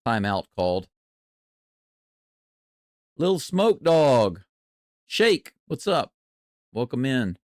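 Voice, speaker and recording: Excitable man calling a baseball game. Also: medium pitch, slow, long pauses, dry recording, studio quality. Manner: excitable, chatty, jumps from calm to loud cheering. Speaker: play-by-play streamer. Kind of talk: live sports play-by-play and reaction.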